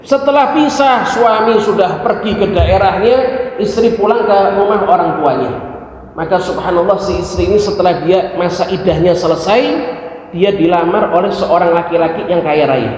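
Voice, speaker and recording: A man's voice: sits high, darkish tone. A man with a Javanese accent preaching a hadith study sermon in a mosque, telling a story and acting out its characters' lines while asking the congregation questions. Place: mosque hall. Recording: very echoey mosque hall, faint ambience.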